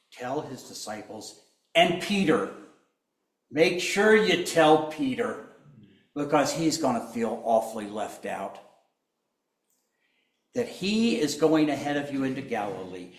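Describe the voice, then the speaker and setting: A man's voice: medium pitch, roomy sound. A man preaching a sermon, telling the story with humor and acting out the quoted lines. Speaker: pastor.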